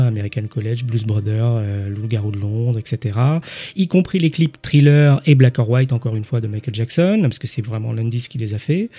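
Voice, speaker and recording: A man co-hosting a film discussion podcast, explaining camerawork and costume design. He is informative but hesitant, and his voice is dark and mellow. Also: mid-range voice. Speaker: podcast co-host.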